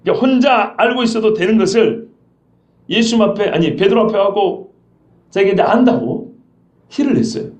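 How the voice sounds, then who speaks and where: A man with a high, slightly mellow voice preaches an expository sermon in a church sanctuary at normal speed, animatedly acting out scenes and quizzing his congregation. The recording sounds roomy and dull, typical of a church.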